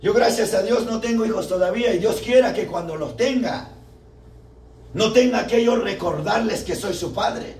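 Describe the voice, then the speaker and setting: A man's voice: sits high, normal speed, darkish tone. A young man preaching a sermon at a parish group, fervent and full of rhetorical questions to the congregation. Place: church hall. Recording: echoey room, mic far off, faint background noise.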